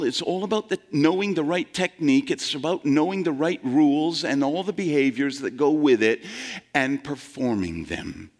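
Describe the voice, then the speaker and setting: A male pastor delivering a sermon with a lively, swooping pitch. He talks conversationally, asks the congregation questions, and plays out the quoted voices with big jumps up and down. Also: vocal fry.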